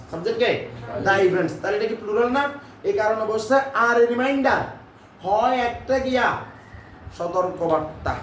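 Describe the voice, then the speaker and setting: Male teacher, high voice, drilling lines in a roomy classroom, mic far off. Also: a little hiss or hum. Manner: keeps checking that students understand; drills lines by repeating them. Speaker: English teacher. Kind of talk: classroom lesson. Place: classroom with students.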